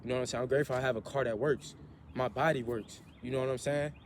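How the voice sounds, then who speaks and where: Talking fast in a steady, ordinary mid-range voice, an earnest young vlogger in his twenties gives a motivational monologue on self-improvement, looping back over his own words. Faint outdoor ambience and the hum of passing traffic sit behind him.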